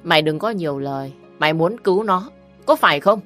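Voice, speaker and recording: A menacing male kidnapper, voiced by a woman storyteller, blunt and cold as he issues threats. The low voice stays hard and clipped, with faint music under the audio story. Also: animated, fairly quick, fairly bright tone. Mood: threatening.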